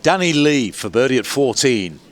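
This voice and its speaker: A man commentating on live golf as a play-by-play announcer, moving between measured description and excited lifts. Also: mid-range voice. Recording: commentary over music and outdoor ambience. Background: music.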